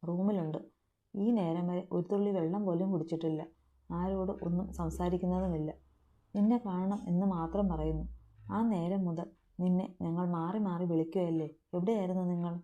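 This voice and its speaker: A woman's voice: on the low side, steady tone, moderate pace, mellow, highs cut off, natural voice. A woman voicing a worried father who scolds his son impatiently. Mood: reproachful.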